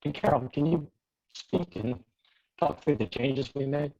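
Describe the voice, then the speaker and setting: A man's voice: medium pitch, a little slow, vocal fry, darkish tone. Guy on a glitchy earbud call, voice breaking up and muffled, kinda hesitant. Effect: glitchy, garbled call audio breaking up. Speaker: town finance official on a call. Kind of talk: meeting remarks. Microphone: earbuds over phone call.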